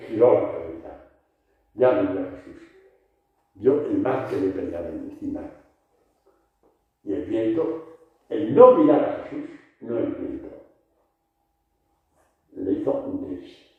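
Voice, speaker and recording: A man preaching a catechesis in a large church, lively and rhetorical, putting questions to the congregation. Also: fairly low pitch. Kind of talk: sermon catechesis. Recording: echoey church, distant dull mic.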